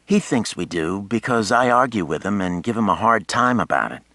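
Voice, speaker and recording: A man voicing a quick-witted young woman of about twenty in an audiobook, teasing and eager. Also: on the low side, animated, sharp tone, no echo, pitched above the performer's own voice, exaggerated voice. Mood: playful. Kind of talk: audiobook character voice.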